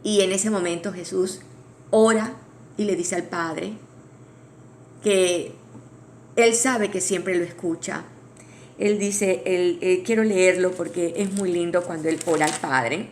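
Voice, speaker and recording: A woman teaching a Bible study in a conversational way. She restarts phrases, adds asides to her listeners, and slows down to read scripture aloud. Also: fairly low pitch, steady tone, a little hiss or hum. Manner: reads scripture aloud slowly.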